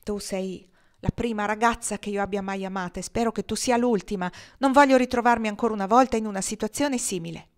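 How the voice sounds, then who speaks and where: A woman reading the lines of an eager, restless young man who talks fast and with youthful enthusiasm. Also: medium pitch, natural voice. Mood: forceful. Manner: hurried, enthusiastic.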